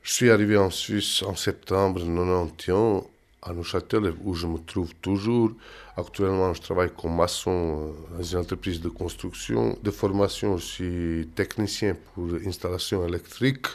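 A man's voice: sits low, fairly even intonation, moderate pace, no echo. A man in his forties from Bosnia with a Bosnian accent, speaking French in a plain, casual way, dropping in "quoi" at the ends of phrases. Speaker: interviewee. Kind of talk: casual interview chat.

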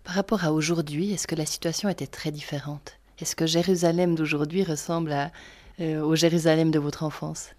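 Low-voiced woman interviewer. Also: fairly even intonation, a little fast, darkish tone. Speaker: radio interviewer. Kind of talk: radio interview.

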